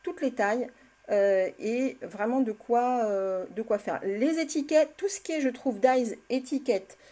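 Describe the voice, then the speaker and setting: Woman doing a live craft tutorial, slightly high voice, chatty, talks to viewers by name. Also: measured pace, mellow. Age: older. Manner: chatty, answers viewers by name, laughs often. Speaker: crafting demonstrator. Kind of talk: live card-making tutorial.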